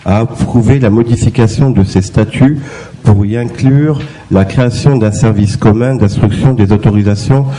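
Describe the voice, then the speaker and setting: A man's voice: fairly low pitch, moderate pace, dark tone, a little hiss or hum, poor audio. A man on a town council reading a long string of legal references aloud at a plodding pace. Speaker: council member reporting a motion.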